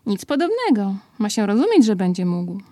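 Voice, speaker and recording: A woman's voice: mid-range voice, very animated, moderate pace, mellow, no echo, lightly acted. A woman reading a storybook, voicing a kind, affectionate young boy who speaks tenderly.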